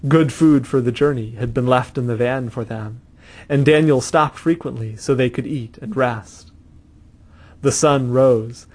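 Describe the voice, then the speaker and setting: A man narrating a story in a measured, steady reading. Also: medium pitch.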